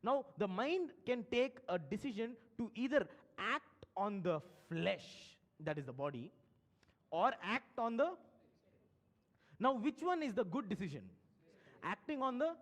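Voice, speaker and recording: A man's voice: sits high, very animated, measured pace. A man with a Telugu-tinged Indian English accent preaching a live sermon as pastor, firing questions at the congregation and acting out voices.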